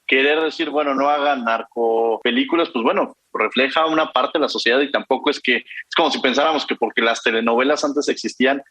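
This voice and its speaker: A man with a Mexican accent hosts a radio talk show, courteous and a little rambling. His tone is bright and forceful at a middling pitch. The sound is dry and close to the mic. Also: fast, few pauses, no echo, low-quality recording. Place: radio studio.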